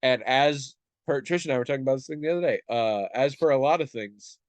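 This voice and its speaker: A man in his forties co-hosts a podcast, talking fast in a mid-range voice during casual chat. He sounds stuffed up and rambles in a self-deprecating way, restarting often. The recording has no room sound.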